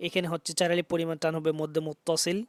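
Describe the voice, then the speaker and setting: High clear-voiced man teaching Quran reading. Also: little pitch movement, very fast, no echo. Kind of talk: tajweed lesson, spelling out letters then reciting.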